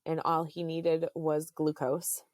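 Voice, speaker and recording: A woman in her thirties, a podcast guest, telling a personal story in a halting, earnest way with many fillers. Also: deep voice, completely flat delivery, darkish tone, no echo, studio quality.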